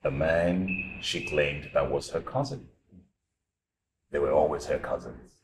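A man's voice: rumbling low, a little slow. An actor with a Nigerian accent playing a recently divorced man who talks easily and laughs between his remarks. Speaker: boss's friend confiding in a young employee. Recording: echoey room with background noise.

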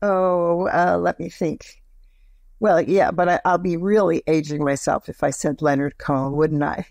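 An older woman who is a grandmother, chatting as a guest on a podcast in a warm, hesitant way with small chuckles. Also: fairly low pitch, fairly even intonation, normal speed, creaky, dry recording, studio quality. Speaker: guest on the phone, host's mother. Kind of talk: casual chat.

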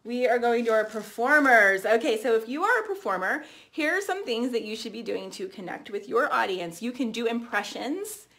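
Chatty higher-voiced woman giving a training. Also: normal speed, few pauses. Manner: chatty, energetic, lots of fillers and restarts. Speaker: team trainer. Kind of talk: casual training talk to camera.

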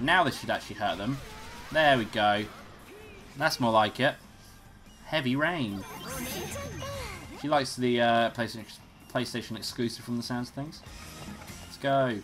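A man's voice: mid-range voice, measured pace, long pauses. A young man hosting a let's play, giving casual, rambling gameplay commentary and swearing freely. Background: game music.

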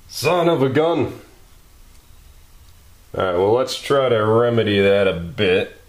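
Working in his garage workshop, a man who hosts a maker channel jokes, exclaims and thinks aloud in a casual way. He has a fairly low voice and a slow delivery.

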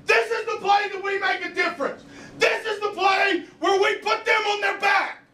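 A middle-aged man, a football coach, shouting a pregame pep speech with emphatic, repetitive phrasing. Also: extremely high pitch, steady tone, normal speed, a little hiss or hum. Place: indoor locker room with team. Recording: echoey locker room, distant camera mic.

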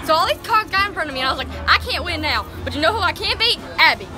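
A young woman chatting and telling quick stories at an outdoor go-kart track at night, filmed on a phone. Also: very high voice, lively intonation, music in the background. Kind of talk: casual chat. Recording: from off mic, loud crowd. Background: crowd noise.

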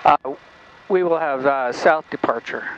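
Male pilot on a cockpit headset mic, terse radio phrasing, fairly high voice, engine noise behind. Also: measured pace, muffled recording. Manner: terse clipped aviation phraseology. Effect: pilot speaking through a cockpit headset. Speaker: private pilot. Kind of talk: radio calls to air traffic control. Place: small plane cockpit. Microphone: headset boom mic. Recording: engine-noisy cockpit intercom.

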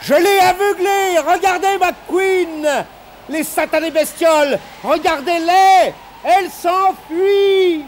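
A man voicing a male engineer gone wild with triumph, shouting high and strained. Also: takes it slowly, slight background noise. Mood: frenzied triumph.

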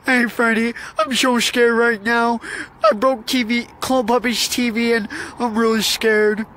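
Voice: medium pitch, flat delivery, measured pace, a bit bright, a little hiss or hum, natural voice. A performer voicing a whiny, mischievous kid who frets and panics easily. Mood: panicked. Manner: whiny, fretful. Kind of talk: fan puppet video acting.

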